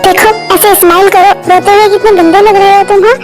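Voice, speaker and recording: A woman's voice: very high voice, level tone, fairly quick, soft background music, poor audio. A woman voicing a stubborn, irritable young woman in an amateur fan dub, sulky and complaining. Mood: coaxing.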